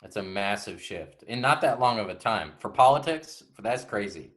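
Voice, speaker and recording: A man's voice: fairly low pitch, lively intonation, normal speed, a bit bright. A man joining a history lesson discussion, casual and conversational, reacting with disbelief.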